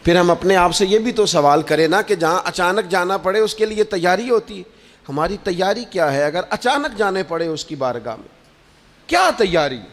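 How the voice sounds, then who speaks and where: High-pitched preacher in a reverberant hall. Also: male voice, expressive, normal speed. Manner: emphatic, rising and falling preaching cadence. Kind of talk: sermon.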